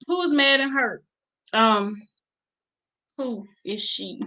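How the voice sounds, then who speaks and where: A woman with a bright, somewhat high voice reads viewer comments aloud on a casual chat show. She pauses on fillers and then reacts to what she read. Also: low-quality recording. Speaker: co-host reading viewer comments.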